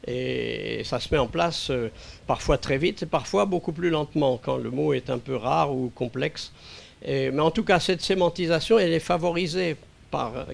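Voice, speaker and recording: A man speaking as an expert witness, explaining calmly and hesitating often with small chuckles. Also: fairly high pitch, vocal fry. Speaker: linguist giving expert testimony. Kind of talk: lecture-style talk to a council. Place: meeting room.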